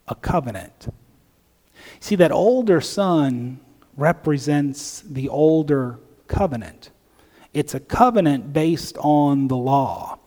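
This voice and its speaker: A man's voice: mid-range voice, mellow. A man preaching a sermon in an earnest way, with hesitant fillers and restarts, sometimes acting out imagined inner voices. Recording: long reverb of a large hall.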